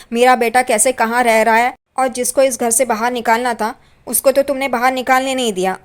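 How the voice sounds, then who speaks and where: Female recap narrator, slightly high pitch, loose conversational retelling that reads character lines flatly. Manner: retells scenes, reading characters' lines in plain quotes. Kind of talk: casual spoken plot recap.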